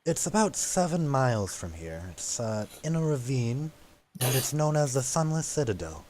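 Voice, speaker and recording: A man voicing a plain village woman who gives directions in a matter-of-fact, slightly halting way. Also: mid-range voice, sing-song, darkish tone, lightly acted.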